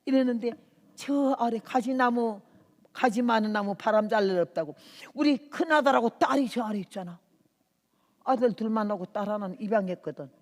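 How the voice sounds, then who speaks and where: A woman's voice: fairly high pitch, moderate pace. Impassioned woman in her eighties preaching. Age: 80s. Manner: impassioned, swinging between hushed and loud. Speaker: missionary preacher. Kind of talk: testimony sermon. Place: church. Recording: long reverb of a church hall.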